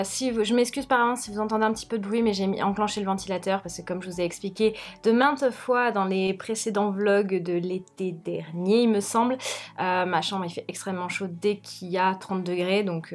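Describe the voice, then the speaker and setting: A young woman presenting books to camera in a chatty, informal and gushing way. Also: mid-range voice. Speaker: book vlogger. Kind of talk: casual book haul presentation to camera.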